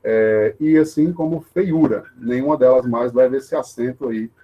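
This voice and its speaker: A man's voice: medium pitch, dull audio. A male teacher giving a remote online grammar lesson, explaining rules step by step with frequent tag questions. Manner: explanatory, many tag questions, repeats himself; says he talks fast.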